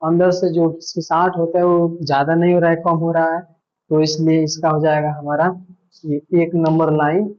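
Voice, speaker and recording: A man's voice: on the high side, monotone, normal speed, a little mellow, dull audio. A male teacher giving an online grammar lesson, patiently repeating points and asking himself questions.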